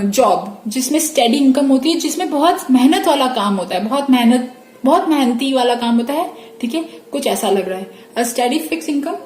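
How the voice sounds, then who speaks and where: This is a high-pitched woman who reads tarot cards for her audience. She talks in a reassuring way, slips English phrases into her speech, and often checks in with her listeners. Her voice rings in an echoey room. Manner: warm reassuring, mixes English phrases, frequent "theek hai" check-ins. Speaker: tarot card reader. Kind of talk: pick-a-card tarot reading.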